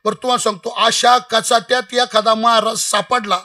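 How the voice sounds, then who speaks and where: A man preaching a humorous devotional sermon, telling a story in a lively, playful way and teasing the audience. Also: very high voice, moderate pace, soft background music. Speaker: kirtan preacher.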